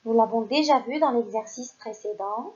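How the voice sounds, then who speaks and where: A woman teaching a recorded reading lesson to young children, speaking slowly and carefully and praising the class. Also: on the high side, a little mellow, muffled recording. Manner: slow, carefully articulated, praising. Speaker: primary school teacher.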